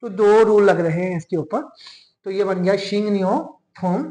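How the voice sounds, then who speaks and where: A man with a Pakistani accent giving a classroom lesson as a language teacher, talking slowly and deliberately and spelling out syllables one by one. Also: high-pitched, fairly even intonation, darkish tone, rough recording.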